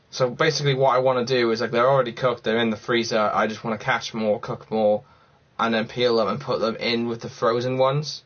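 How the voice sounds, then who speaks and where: A man from Cardiff, Wales, with a mid-range, fairly bright voice, rambles through a casual livestream, thinking aloud while answering viewers' comments. The lo-fi audio comes across slightly dull.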